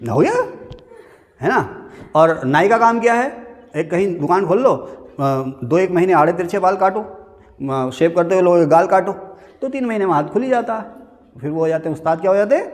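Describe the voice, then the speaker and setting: A man's voice: high voice, a little mellow. A man teaching an economics class in a classroom, joking and quizzing his students in a conversational way. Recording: hall reverb.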